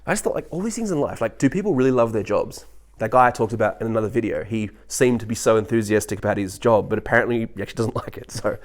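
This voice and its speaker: A man talking to camera in a rambling monologue, animated and quick, with many restarts and mock voices when he quotes people. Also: on the low side. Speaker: vlogger.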